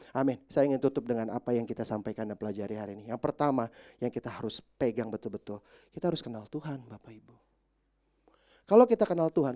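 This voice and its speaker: A male pastor preaching a sermon to a church congregation, turning from quiet, chatty asides to shouted high climaxes, asking the listeners questions and slipping into casual slang. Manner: addresses the congregation directly with questions; mixes in casual slang and English words. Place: church service.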